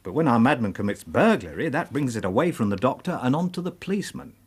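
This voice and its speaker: Inspector Lestrade, animated policeman. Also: medium pitch, fast, breathy edge. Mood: matter-of-fact. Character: modest, dogged male Victorian police inspector. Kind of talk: radio drama acting.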